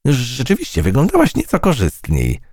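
A zippy little lady fly with a squeaky voice that trips and stammers over her words, squealing way up high, as a man puts her on. She sounds like a storybook bug bursting with excitement. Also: normal speed, no echo, studio quality. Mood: excited. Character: excitable high-pitched female fly who stutters.

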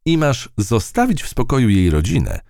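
A man's voice: mid-range voice, sing-song, normal speed, gravelly, darkish tone, no echo, clean studio sound, voice pushed up. A man voicing a tough, one-eyed female field mouse in a storybook reading, brash and scolding. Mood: bossy, mocking.

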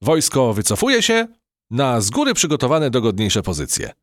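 A man's voice: medium pitch, wildly swooping pitch, moderate pace, no room sound, studio quality, pitched above the performer's own voice. A man voicing an earnest, dutiful young male cockroach soldier in a storybook reading.

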